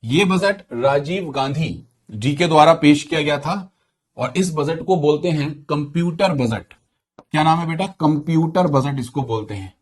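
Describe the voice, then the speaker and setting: A man giving an exam-prep lecture, often repeating key points and quizzing his students while mixing English terms into Hindi. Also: fairly high pitch. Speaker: teacher.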